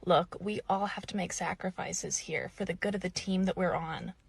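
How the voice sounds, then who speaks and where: A woman's voice: on the low side, fairly even intonation, normal speed, vocal fry, slightly rough, no echo, full character voice. A woman playing a workplace figure in a tense dispute, in a scripted comedy skit. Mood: insistent.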